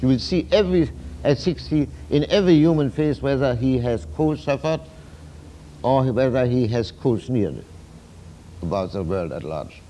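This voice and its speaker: Halting lecturing man with a mellow voice. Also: mid-range voice, expressive. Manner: halting, with many restarts; philosophical, emphatic. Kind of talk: university lecture.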